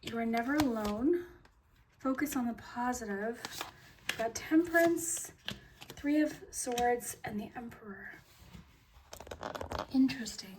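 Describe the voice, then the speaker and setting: A woman's voice: on the high side, a little slow, pauses often, distant mic, a little hiss or hum. A woman doing a pick-a-card tarot reading, chatty, full of fillers and restarts, and losing her voice. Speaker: tarot reader.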